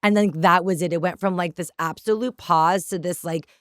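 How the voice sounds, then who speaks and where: A woman hosting a podcast, chatting casually and telling stories with quick asides. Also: on the low side, steady tone, fairly bright tone, dry recording, studio quality. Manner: chatty, storytelling, quick asides and acted-out quotes. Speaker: podcast host.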